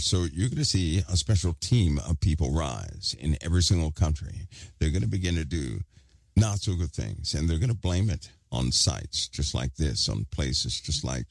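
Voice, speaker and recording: A very low-pitched man preaches an online sermon, pressing his points with repeated phrases. He talks around a hard object held in his mouth. The recording is dry and close, with no room sound. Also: creaky, a little mellow, no echo. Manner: emphatic, repeats phrases for stress.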